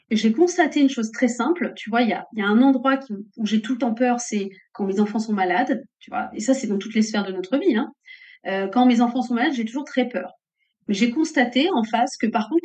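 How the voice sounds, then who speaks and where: Muffled lo-fi audio captures a middle-aged businesswoman giving a thoughtful, sincere answer as a guest in an informal interview. Her voice is a little high and darkish in tone.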